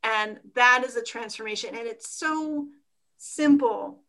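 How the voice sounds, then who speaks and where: Animated Philly woman with a bright voice. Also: on the high side, measured pace, poor audio. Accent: Philadelphia. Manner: animated, expressive, laughs often. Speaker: dance teacher and author. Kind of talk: casual interview chat.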